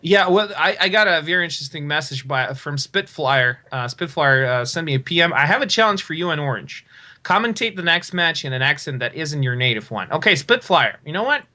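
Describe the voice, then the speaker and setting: A man hosts live tournament commentary. His voice is bright and a touch high. He is upbeat and plugs prizes with repeated phrases. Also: animated, a little fast. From half American, half Russian. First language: Russian.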